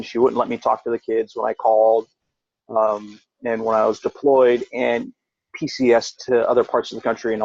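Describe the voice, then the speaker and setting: A man's voice: medium pitch, vocal fry, darkish tone, no echo. Rambling middle-aged man, dull lo-fi sound. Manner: rambling storytelling, rising sharply when quoting himself. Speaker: podcast co-host, veteran. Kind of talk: casual chat.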